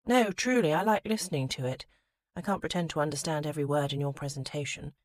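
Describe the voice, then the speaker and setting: A rakish young gentleman, as a woman narrator puts him on, teasing and warm, slipping into low, husky murmurs. The delivery is dry and close, with no room sound. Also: fast, no room sound, natural voice. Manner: teasing, turning hushed and intimate. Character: charming rakish young lord, teasing yet tender.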